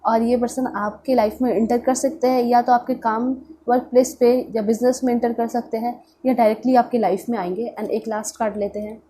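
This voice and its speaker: Speaking briskly with few pauses, this woman has a slightly high, mellow voice delivered flatly, over a faint hiss or hum. She has an Indian accent and a stuffy, pinched nasal sound from a cold as she gives a casual tarot reading, dropping in English words and repeating check-in phrases.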